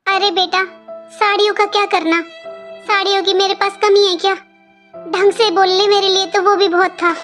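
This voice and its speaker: A woman voicing a gentle, restrained mother in a cartoon, speaking softly and calmly. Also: extremely high pitch, moderate pace, faint music behind. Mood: resigned. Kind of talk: cartoon voice acting.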